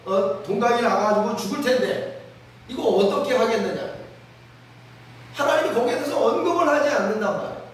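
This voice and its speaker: A man's voice: very high-pitched, animated, brisk. A man preaching a sermon as pastor, earnest and often prompting listeners with rhetorical questions. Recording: very echoey room, mic at a distance.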